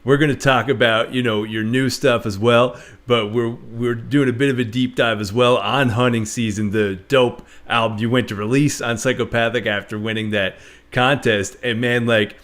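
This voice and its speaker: A man hosting an interview, relaxed and enthusiastic, using casual slang. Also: medium pitch, moderate pace. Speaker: podcast host.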